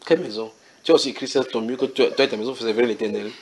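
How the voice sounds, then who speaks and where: A man's voice: mid-range voice, racing. A man preaching in a church, reading Bible verses aloud and firing questions at the congregation. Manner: teasing rhetorical questions to the congregation.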